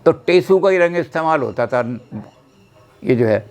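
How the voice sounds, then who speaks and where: An older man who sings slow folk verses and then explains them in quick talk, as the guest on a chat show. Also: a little high, expressive, darkish tone, clean tone. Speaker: guest folk music expert. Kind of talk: explaining and singing folk songs.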